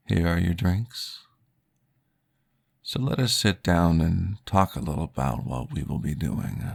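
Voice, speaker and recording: This soft-spoken ASMR roleplay has a man fully in character as a polite, formal vampire guiding someone through therapy. He's recorded close to the microphone in a dry space, his low voice full of vocal fry.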